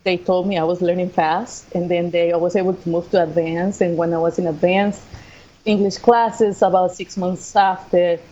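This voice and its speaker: The guest, a Costa Rican woman and native Spanish speaker who works as an assistant professor of sports management, tells her own story in a casual interview. Her lowish voice is dark, steady in tone and moderately paced, carrying a Costa Rican accent. The audio is dull.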